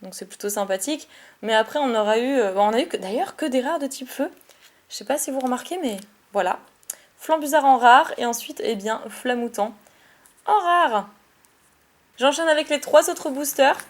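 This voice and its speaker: Woman, somewhat high voice, excitable and giggly, casual card-unboxing vlog chatter. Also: moderate pace. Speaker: YouTuber opening trading card packs.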